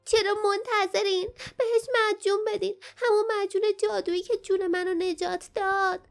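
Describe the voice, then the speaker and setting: A sobbing, shrill little girl Prin. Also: flat delivery, vocal fry, soft background music. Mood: crying. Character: small frightened young girl Prin.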